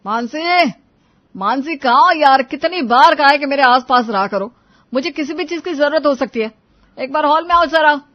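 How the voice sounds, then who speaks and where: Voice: medium pitch, fairly quick, highs cut off, natural voice. A woman doing a lazy, demanding young husband. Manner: whiny, demanding.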